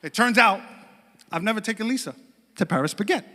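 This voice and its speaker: A pastor telling a humorous story from the pulpit, animated and theatrical and at times shouting. His voice sits high and bright. It echoes through a reverberant church hall. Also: a little fast.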